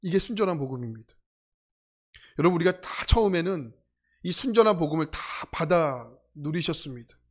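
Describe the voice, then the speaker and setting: A man's voice: a little high, brisk. A middle-aged man from South Korea preaching a sermon, telling stories with humor and acting out the voices of people in them. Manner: animated, acts out quoted voices. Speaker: pastor.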